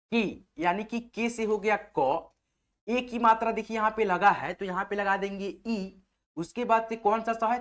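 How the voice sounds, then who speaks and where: A man teaching an online spelling lesson step by step, a patient and repetitive tutor who slowly spells out letters one by one and keeps checking in with his viewers. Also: sits high, fairly bright tone.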